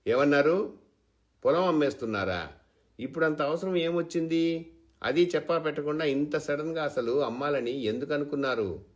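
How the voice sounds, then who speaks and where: In a mid-range, expressive voice at a moderate pace, a man plays an anxious young village wife who asks worried, pressing questions. He pitches it above his own voice, though it stays close to an everyday tone.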